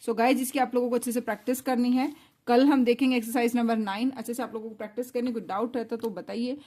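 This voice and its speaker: High-voiced woman teaching shorthand. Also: steady tone, quick pace, dark tone. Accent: Indian English words in Hindi. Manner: explains step by step, checks understanding with "clear?". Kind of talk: online shorthand lesson.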